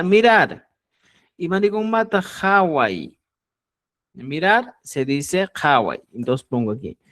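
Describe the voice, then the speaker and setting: A man's voice: fairly high pitch, dry recording. A man teaching a language class, explaining patiently and checking often that students follow. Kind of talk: online language lesson.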